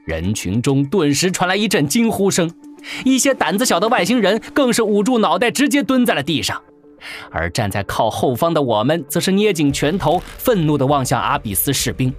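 A man narrating a science-fiction story in a theatrical, animated manner. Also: a little high, normal speed. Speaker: audiobook narrator. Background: faint background music.

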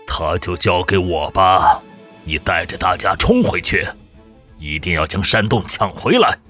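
A man voicing a stern deputy gang leader who gives orders slowly and with authority, with faint music behind. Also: low voice, very animated, a bit bright, voice pushed down, heavily acted. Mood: commanding. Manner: slow, measured, authoritative.

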